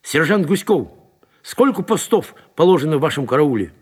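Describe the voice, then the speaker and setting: A man's voice: medium pitch, very animated, normal speed, breathy edge. A man voicing a young army lieutenant in a read-aloud story, giving clipped orders and speaking with uneasy restraint. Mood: stern. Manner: clipped orders, then soft hesitant speech.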